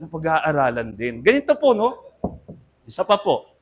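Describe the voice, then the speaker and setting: An older man, a Filipino pastor, preaching earnestly in Tagalog-accented English and Tagalog, swinging from loud emphasis to soft asides. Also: on the high side, huge pitch swings, normal speed, husky. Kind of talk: sermon.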